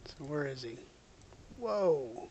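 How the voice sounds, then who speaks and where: A man's voice: fairly high pitch, sing-song, slow pace, a little mellow, slight background noise. A man streaming a game, giving casual commentary mixed with spoken commands.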